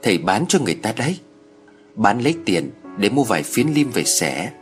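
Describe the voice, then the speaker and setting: A man's voice: fairly low pitch, big pitch swings, normal speed, faint music behind. A man voicing a careless, dismissive father in a spoken story. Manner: offhand, dismissive. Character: careless father, brushing off his son.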